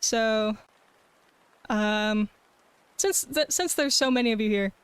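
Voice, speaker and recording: A woman's voice: on the high side, slow pace, clean tone, dry recording, rough recording. A woman streamer chatting casually with her live viewers in a cute, bubbly anime-streamer manner. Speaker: streamer and artist hosting a cozy art stream. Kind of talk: casual livestream chat.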